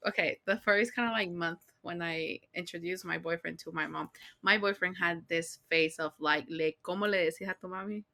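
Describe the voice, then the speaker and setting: A woman hosts a casual podcast conversation. Her voice is bright, and she chats freely, laughing readily and mixing English with Spanish. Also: fairly low pitch, moderate pace, vocal fry. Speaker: podcast host.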